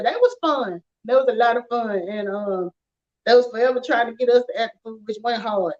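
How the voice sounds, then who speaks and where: A woman, telling stories in an animated, casual chat with frequent laughter. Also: high voice. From rural Alabama, USA. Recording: dull lo-fi sound.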